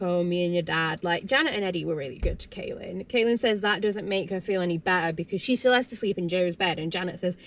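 Chatty young woman recapping TV. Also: lowish voice. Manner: chatty, sarcastic asides, lots of "like". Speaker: reality TV recap host. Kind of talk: casual show recap.

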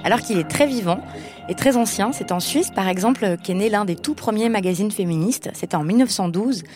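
A woman from France, a podcast host and journalist, narrating a documentary in a measured, assertive way. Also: mid-range voice, a little mellow, faint music behind.

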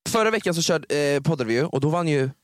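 Lively man with swooping pitch. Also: no room sound, studio quality. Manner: animated, mixes English phrases into his talk, laughs often. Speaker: podcast host. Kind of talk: casual banter.

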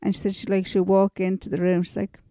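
A woman with a mellow, gravelly voice, giggling through rambling stories as a podcast co-host. The sound is dry and close to the mic. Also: mid-range voice, completely flat delivery, quick pace, no room sound. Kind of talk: casual chat.

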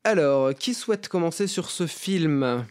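A man's voice: fairly high pitch, expressive, measured pace, darkish tone, clean tone, dry recording, studio quality. A man presenting a film round table as host, reading a prepared introduction in an articulate way.

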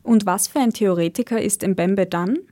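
A woman narrates a documentary from a script. Her tone is mellow and warm, and she keeps her delivery even and measured. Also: medium pitch.

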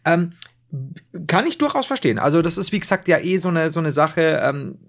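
Casual, higher-voiced man co-hosting a podcast. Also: sing-song, brisk. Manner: informal, rambling, jokey. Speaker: podcast co-host. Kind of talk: casual comedic podcast chat.

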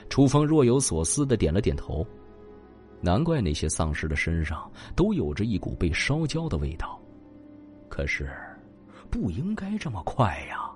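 A man narrating a web novel in an expressive storytelling manner. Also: lowish voice. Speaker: audiobook narrator.

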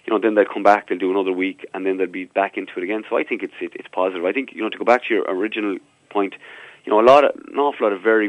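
Low-voiced west of ireland guy doing sports punditry, talks really fast, wordy, very dry sound. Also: no room sound, phone-quality sound. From County Clare, west of Ireland. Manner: wordy, peppered with verbal tags like "you know". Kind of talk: unscripted radio sports analysis.

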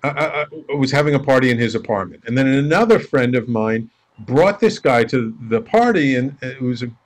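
A man's voice: mid-range voice, fairly quick. A man who works as a life coach, telling stories as a guest in a casual interview and acting out the dialogue in them. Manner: animated storyteller acting out quoted dialogue.

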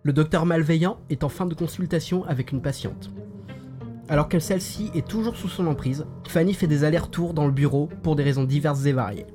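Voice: mid-range voice, brisk, music in the background. A narrator setting up an improvised comedy scene in a plain, matter-of-fact way.

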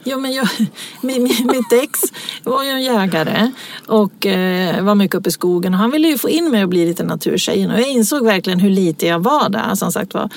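Gravelly-voiced woman chatting. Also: medium pitch, animated. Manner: chatty, laughs while telling stories. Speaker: podcast co-host. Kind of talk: casual chat.

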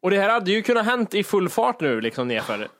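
A man's voice: high voice, big pitch swings, fairly bright tone, dry recording, studio quality. A man, co-hosting a podcast, telling a rambling, self-mocking story with many restarts. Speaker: podcast co-host. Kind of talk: casual storytelling.

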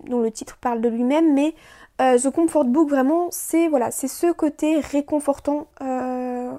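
A woman's voice: fairly high pitch, dark tone. A young woman hosting a casual solo podcast, chatting with lots of fillers and restarts. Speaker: podcast host.

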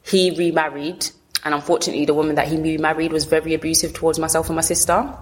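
Low-voiced woman with a south London accent. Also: flat delivery, fast talker. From south London, England. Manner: colloquial, talks in short bursts with frequent rephrasing. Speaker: interview guest. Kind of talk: candid personal storytelling in an interview.

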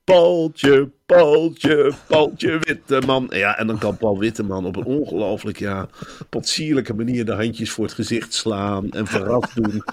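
A man's voice: on the low side, steady tone, moderate pace, slight background noise. A man co-hosting a satirical podcast, talking in a mocking, theatrical way. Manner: mocking, theatrical, slips into put-on voices. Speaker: podcast co-host. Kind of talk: satirical casual chat.

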